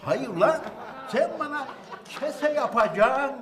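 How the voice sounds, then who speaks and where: A man's voice: very high-pitched, animated, a crowd in the background, exaggerated voice. A man playing a randy old man in his seventies. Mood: bickering. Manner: crude, slow, cackling old man drawl. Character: lewd incontinent old man suitor, seventies. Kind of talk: comedy sketch, dating show parody.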